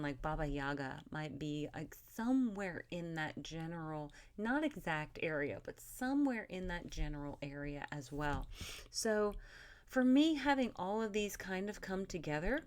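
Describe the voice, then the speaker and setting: A woman talks through a book review in a relaxed, unhurried way, her voice sitting on the low side. She wanders through her thoughts with fillers and restarts, as if thinking aloud. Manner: thoughtful, meandering, many fillers. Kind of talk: casual spoken book review.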